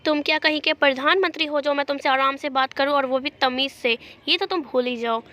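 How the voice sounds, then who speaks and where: A woman voicing a sharp-tongued, defiant male hospital doctor who mocks and taunts. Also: very high-pitched, steady tone, fairly quick, no echo. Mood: mocking defiant. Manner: mocking, sarcastic. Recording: dull lo-fi.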